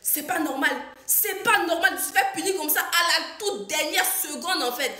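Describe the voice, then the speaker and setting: Woman, football fan, angry rant, exasperated scolding, high pitch. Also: moderate pace, sharp tone, roomy sound.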